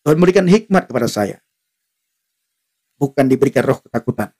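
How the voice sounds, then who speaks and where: A man's voice: medium pitch, animated, a little fast, darkish tone. A man preaching defiantly on a live stream, repeating himself and laughing now and then.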